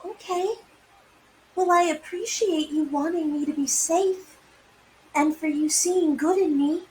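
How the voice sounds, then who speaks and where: A woman's voice: extremely high pitch, a little slow, a little mellow, a little hiss or hum, rough recording. A woman voicing a humble, kind, anxious spellcasting adventurer in tabletop role-play, earnest and tentative.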